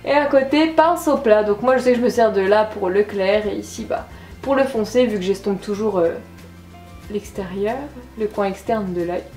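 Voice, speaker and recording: A woman's voice: mid-range voice, normal speed, darkish tone. A woman casually reviewing a makeup palette, chatty and enthusiastic with a self-deprecating streak. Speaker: beauty vlogger. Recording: echoey room with faint music.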